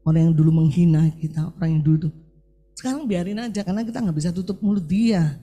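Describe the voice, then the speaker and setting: A man's voice: sits high, fast talker. A middle-aged male preacher giving a sermon, talking animatedly and often turning to the congregation with questions. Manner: animated, keeps addressing the congregation as "saudara".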